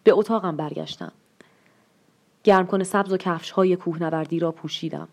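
A woman narrating a short story in a calm, even storytelling manner. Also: on the low side, gravelly, dull audio. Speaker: story reader.

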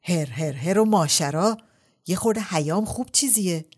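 A quick-tempered older noblewoman from a storybook, put on by a woman reader, full of biting retorts. Her voice sits low and dark, and she scolds with raised force. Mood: scolding, indignant.

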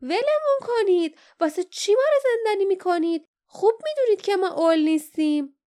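A woman voicing a fierce young woman who shouts in defiance in an audiobook. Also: very high-pitched, animated, voice pushed up. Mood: defiant.

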